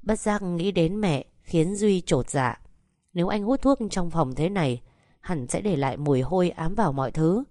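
A woman narrating a family story in a calm, measured reading voice. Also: fairly low pitch, dry recording, studio quality.

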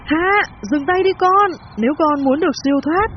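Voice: medium pitch, brisk, dull audio, a little hiss or hum, voice pushed up, close to an everyday voice. A narrator voicing a tearful elderly grandmother who pleads with her dead granddaughter. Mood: crying out. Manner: tearful, imploring.

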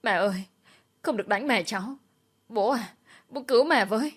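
A woman's voice: animated, moderate pace, breathy edge. A woman voicing a frightened little boy in a storybook reading. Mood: pleading. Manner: high, loud, pleading. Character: small boy crying for his mother.

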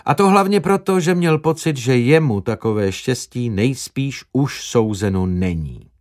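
A man narrating an audiobook with expressive storytelling. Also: medium pitch.

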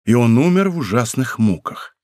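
A man narrating an audiobook in a measured, expressive reading from a studio. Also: medium pitch, dry recording. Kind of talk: scripted narration.

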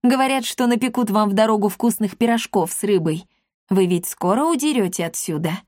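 A woman's voice: medium pitch, a little fast, darkish tone, no room sound, studio quality, natural voice. A woman voicing a self-important, forgetful male cat who speaks pompously and grumbles.

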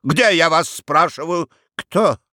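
A man playing a shouting pompous duke. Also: on the high side, slow, dry recording, clean studio sound, pitched above the performer's own voice. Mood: demanding. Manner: shouting, indignant, bossy commands. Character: pompous excitable old duke, a ruler.

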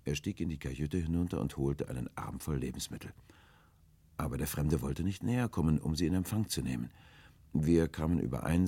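A very deep, husky male voice reads a story in a measured, even storytelling style. The recording is dry and close, with no room sound. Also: dry recording. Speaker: narrator. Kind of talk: audiobook storytelling.

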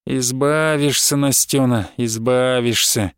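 A man's voice: a little high, dry recording, clean studio sound, natural voice. A man reading aloud and voicing a spiteful, embittered husband who drags his words out with a sneer and flares into angry outbursts. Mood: sneering bitter. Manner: sneering, drawn-out, flaring into shouts.

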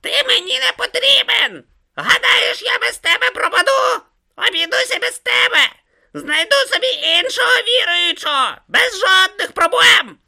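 A shrill, bossy little tortoise god. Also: lively intonation, moderate pace, exaggerated voice. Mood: shrieking tantrum. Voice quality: shrill, whiny, yelling. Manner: shrieking tantrums and sarcastic retorts. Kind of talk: audiobook character voice.

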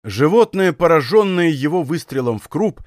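A man's voice: a little high, expressive, no room sound. Dry-voiced male audiobook narrator. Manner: measured, dramatic storytelling. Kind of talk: scripted narration. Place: recording studio.

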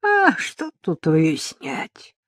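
A woman's voice: on the low side, huge pitch swings, very slow, dry recording, clean studio sound, exaggerated voice. A woman voicing a terse, wary old village woman who speaks in a rural Belarusian-tinged dialect, for an audiobook. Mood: gruff, wary.

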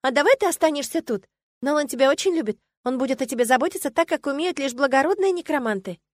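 A woman's voice: high voice, expressive, fast talker, no room sound, studio quality, voice pushed up. A woman voicing a sulky young mare with fangs in an audiobook, grumbling and snorting her complaints. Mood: coaxing. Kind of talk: audiobook character voice.

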